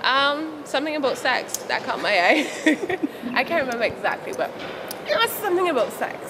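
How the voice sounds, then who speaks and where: A woman's voice: high-pitched, sing-song, moderate pace. A young woman from Barbados with a Barbadian accent, speaking frankly and laughing often as she answers interview questions outdoors. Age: young adult. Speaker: interviewee, youth advocate. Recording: outdoor recording with traffic noise.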